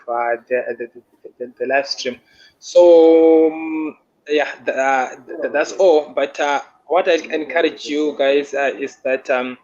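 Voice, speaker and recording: A man's voice: medium pitch, darkish tone. Guy on a choppy glitchy call, dull lo-fi audio, lots of uhs and restarts. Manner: hesitant, many filler sounds and restarts. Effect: choppy, breaking internet call audio. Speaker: hackathon organizer. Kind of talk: live-streamed online event remarks. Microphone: remote call connection.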